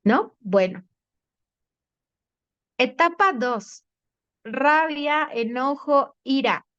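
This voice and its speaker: A woman's voice: expressive, extremely slow, fairly bright tone, no echo. Woman grief counselor, conversational, acts out quotes; dry, muffled sound. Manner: conversational, acts out quoted voices with rising pitch. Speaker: thanatologist. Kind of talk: group talk on grief stages.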